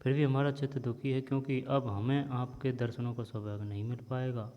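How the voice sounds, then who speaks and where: A man reading a textbook story aloud as a teacher, pausing now and then to explain words. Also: mid-range voice, little pitch movement. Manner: reads steadily, pauses to explain words. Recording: dull lo-fi sound with long reverb.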